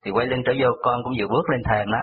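A man with a Southern Vietnamese accent calls in to a radio show and tells a personal story at a brisk clip, piling on small details. His voice sits at an ordinary middle pitch. It comes through a thin, tinny phone line. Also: steady tone, a little hiss or hum. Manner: rambling, detail-heavy storytelling.

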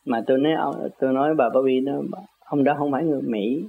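A man's voice: medium pitch, fast talker, vocal fry, slightly rough. An older man in a casual, rambling monologue, chuckling often as he argues about where words come from. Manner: chuckling, argumentative, folksy word-play. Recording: tinny phone-like audio.

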